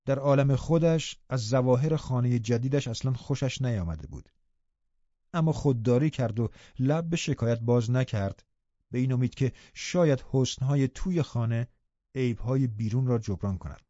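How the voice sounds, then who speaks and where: Man narrating in a calm, dark voice. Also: mid-range voice, dry recording, muffled recording. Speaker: audiobook narrator. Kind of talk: scripted narration.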